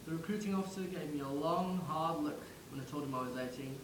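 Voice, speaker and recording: A man voices the ghost of a young English soldier from the First World War in a wistful theatrical monologue, addressing the listener directly in a wry, conversational way. His fairly high, fast voice sounds close to everyday speech, and the echoey room adds background noise.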